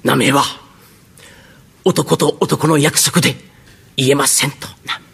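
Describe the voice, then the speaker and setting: A man playing a rough-spoken working-class father in a rakugo tale, with an old Tokyo dialect, gruff and clipped. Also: a little high, steady tone, slow, fairly bright tone, exaggerated voice. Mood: gruff tender. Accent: Edo Tokyo dialect. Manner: gruff and clipped, choked with emotion. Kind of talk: traditional rakugo storytelling.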